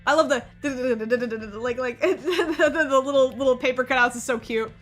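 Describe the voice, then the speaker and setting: A woman streamer giving excitable, stammering let's-play commentary over a game. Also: high-pitched, a little fast, faint music behind. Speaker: gaming streamer.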